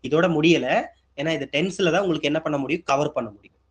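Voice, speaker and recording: Higher-voiced man teaching a lesson. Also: fast. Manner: asks students questions and answers them, repetitive. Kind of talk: exam-prep grammar lesson.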